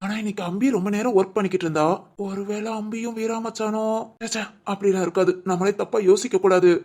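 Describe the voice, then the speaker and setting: A performer voicing an earnest, protective young adult son in an animated family drama, reassuring his mother in quick talk. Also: medium pitch, natural voice. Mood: brooding.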